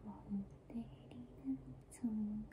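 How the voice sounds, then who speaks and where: A young woman whispering a casual ASMR chat close to the microphone in a breathy, gentle, musing manner. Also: mid-range voice, steady tone, noisy background. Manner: unhurried, drifting, gentle musing. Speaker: ASMR creator. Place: small room indoors, lying down. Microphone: handheld microphone held close to the mouth.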